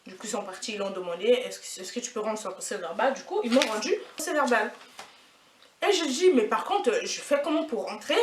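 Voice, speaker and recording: There's noise in the background as a fairly high-voiced French vlogger, in her twenties, retells something that outraged her. Her delivery is casual, slangy, animated, and repetitive for emphasis, and the mic sits at a distance in an echoey space.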